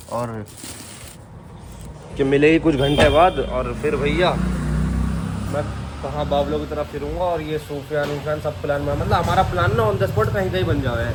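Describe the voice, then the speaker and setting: A man's voice: on the high side, heavy background noise. A young man, chatting and joking casually in a vlog. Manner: joking, boastful banter. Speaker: vlogger.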